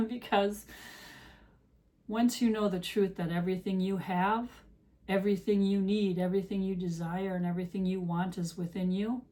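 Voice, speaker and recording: A woman's voice: mid-range voice, dark tone. A woman tarot reader speaking straight to her viewers in an earnest, preachy monologue of encouragement, her voice getting worn. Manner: earnest, preachy, direct address. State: losing her voice.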